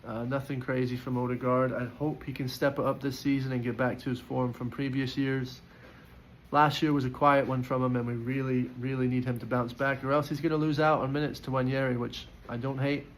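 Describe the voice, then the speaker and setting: A man's voice: medium pitch, flat delivery, a little fast, a little hiss or hum, poor audio. A man giving casual, opinionated football player ratings in a chatty way, with frequent fillers and restarts. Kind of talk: casual post-match reaction.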